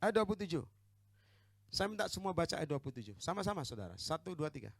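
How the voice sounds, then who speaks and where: A man's voice: fairly high pitch, very animated, fast, vocal fry, dry recording, clean studio sound. A man preaching a sermon as pastor, with an Indonesian accent, who calls out to the congregation for amens and teases them bluntly.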